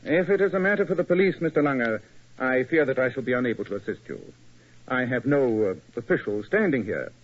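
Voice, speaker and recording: A cool, precise Victorian detective, played by a man reasons aloud in a lively, slightly husky voice. The sound is dull and muffled, like an old 1940s radio broadcast. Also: mid-range voice, brisk, lightly acted. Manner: crisp, precise deduction. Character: sharp, composed Victorian male detective.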